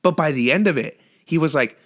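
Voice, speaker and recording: A man's voice: a little high, a little fast, fairly bright tone. A young man hosting a solo podcast, ranting casually and profanely with lots of restarts. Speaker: podcast host.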